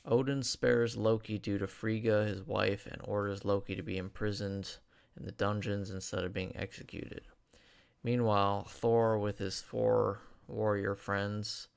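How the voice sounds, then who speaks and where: A young man hosts a radio show from the studio, talking with a retainer in as he gives a loose, rambling film review full of "like" and stumbles. His voice is lowish, gravelly, clear and resonant, with a level tone and measured pace.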